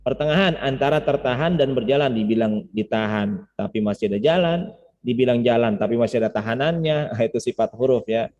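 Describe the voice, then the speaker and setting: In an informal Zoom lesson, a man with a mid-range, slightly mellow voice teaches Quran recitation a little fast, chanting and repeating words and syllables to demonstrate. The sound comes through muffled and reverberant.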